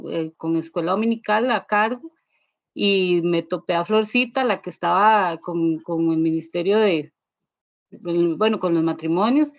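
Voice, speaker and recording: A woman's voice: mid-range voice, no room sound, lo-fi sound. A woman sharing a personal church testimony in a class, telling it in a rambling way with constant tag questions.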